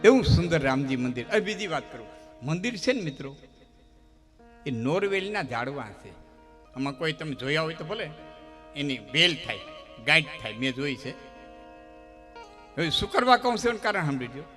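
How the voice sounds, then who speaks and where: A man holds a live folk storytelling stage. His voice sits high and rings bright and forceful, and he repeats phrases in a rhythmic build that swells into loud declamation. Faint instrumental music plays underneath. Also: big pitch swings, moderate pace, pauses often.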